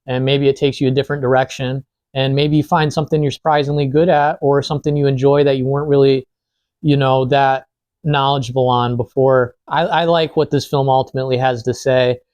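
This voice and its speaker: Male film reviewer, medium pitch, informal and lightly profane, conversational delivery, dry close recording. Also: level tone, brisk, darkish tone, no echo. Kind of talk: casual film review chat while eating.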